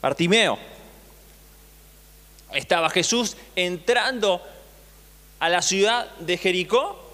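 A man's voice: sits high, animated, slow pace, bright, forceful tone. A male pastor preaching a sermon, reading scripture aloud and retelling it with acted voices, often asking the congregation questions. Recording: long hall reverb.

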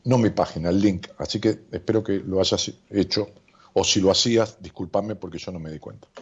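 Un hombre con acento rioplatense que conduce una transmisión en vivo como psicólogo, lee comentarios de su audiencia y charla de forma relajada, con muchas muletillas y divagaciones. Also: male voice, low voice, brisk, slightly rough. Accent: Rioplatense Spanish. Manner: animated, rambling, jokey, with many fillers. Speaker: psychologist hosting a live stream. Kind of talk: casual live-stream chat reading viewer comments. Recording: dull lo-fi stream audio.

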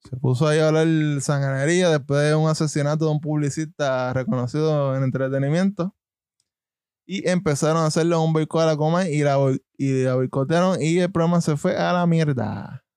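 A Puerto Rican man with a somewhat high voice banters and mocks in loose, joking chat. The sound is dry and close, with no room around it. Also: steady tone, fairly quick, darkish tone, clean tone, no echo. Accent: Puerto Rican Spanish. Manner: joking, mocking, laughs often. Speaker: podcast co-host. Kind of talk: casual banter.

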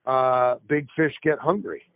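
A fishing shop owner calling in by phone with a weekly fishing report, talking in a laid-back, wry way. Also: male voice, mid-range voice, unhurried. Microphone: telephone. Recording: tinny phone line.

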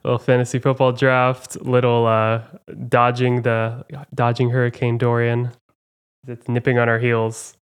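A man's voice: medium pitch, completely flat delivery, a little slow, clean tone. A man hosting a trivia podcast, chatting casually and teasing his co-hosts with a laugh. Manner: playful, teasing, laughs a lot. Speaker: podcast host. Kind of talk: casual chat.

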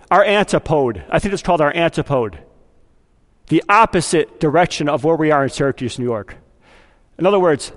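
A man's voice: a little high, in a large hall. A man preaching a sermon as pastor of a church, talking conversationally, acting out quoted voices and asking his congregation questions. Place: church sanctuary.

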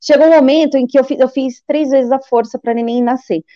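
A woman telling an emotional personal testimony, animated, acting out the voices of others and praying aloud. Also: high-pitched, a little fast, no echo, dull audio. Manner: animated, acts out quoted voices and prays aloud. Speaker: guest giving a testimony.

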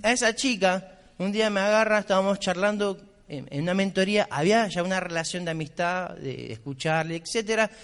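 High-voiced mentor, blunt and insistent, long hall reverb. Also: male voice, fairly quick, fairly bright tone, smooth. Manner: blunt, insistent, repetitive exhortation. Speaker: business mentor. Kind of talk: motivational speech.

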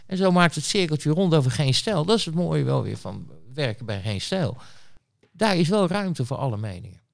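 A man's voice: on the high side, animated, normal speed, creaky. Blunt rambling man telling a story. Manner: blunt, rambling, many fillers and restarts. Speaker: interview guest, street reporter. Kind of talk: casual storytelling.

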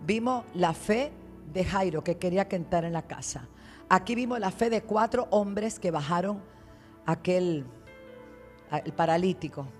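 A woman's voice: a little slow, faint music behind. Fervent woman preaching. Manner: fervent, dramatic retelling of scripture, dropping to low asides. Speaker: guest preacher. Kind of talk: sermon.

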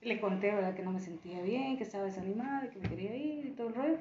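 A woman's voice: medium pitch, very fast, slight background noise. A young woman, telling stories as an interview guest in a casual conversation, laughing often. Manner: laughs often, animated storytelling. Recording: roomy, muffled podcast audio.

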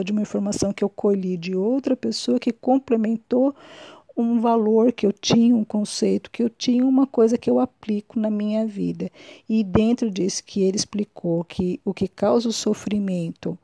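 A woman's voice: medium pitch, vocal fry, dark tone, dry recording. A woman hosting a podcast. She gives a reflective solo monologue, musing and often restarting or correcting herself. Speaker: podcast host.

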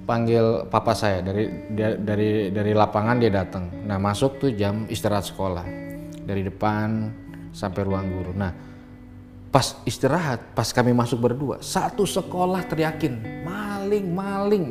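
A middle-aged man from Ambon telling his life story in an earnest, reflective way, growing quieter in the tender moments. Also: lowish voice, moderate pace, in a large hall, faint music behind. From Ambon, Indonesia. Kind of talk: emotional personal storytelling.

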